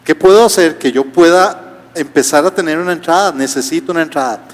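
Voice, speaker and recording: A man's voice: fairly high pitch, fairly quick. A male pastor, preaching a sermon with rhetorical questions and humorous asides. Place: church auditorium. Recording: reverberant church hall.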